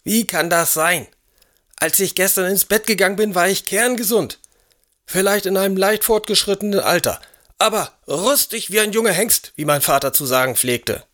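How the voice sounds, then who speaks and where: A high, querulous old aristocrat in an audio drama, forever demanding and indignant. He barks orders with a lord's impatience. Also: moderate pace, fairly bright tone. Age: older. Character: elderly, imperious, irritable English aristocrat.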